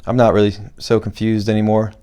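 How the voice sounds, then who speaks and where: A man with a low, mellow voice talks casually on his own podcast. He rambles and restarts, but keeps his delivery slow on purpose so every word lands. He grew up in Buffalo, New York. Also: little pitch movement, clean tone. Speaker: podcast host and comedian. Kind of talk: casual solo podcast monologue.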